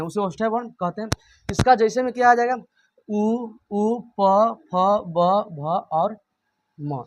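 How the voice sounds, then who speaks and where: Man, teacher, high-pitched, grammar lesson, repeats each point, answers his own questions. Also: background noise.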